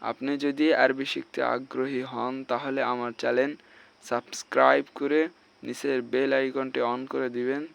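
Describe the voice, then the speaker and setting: A man's voice: medium pitch, flat delivery, moderate pace, vocal fry, clean tone. A man teaching Arabic reading in a patient lesson, naming each letter and vowel sign before blending the syllable and asking viewers to answer. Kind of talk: slow spelling-out lesson.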